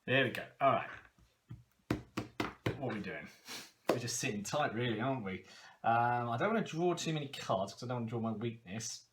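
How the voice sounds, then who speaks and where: Excitable man playing a card game. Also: medium pitch, fairly quick, long pauses, very noisy. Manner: excitable, laughs often, talks to himself. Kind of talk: casual game playthrough commentary.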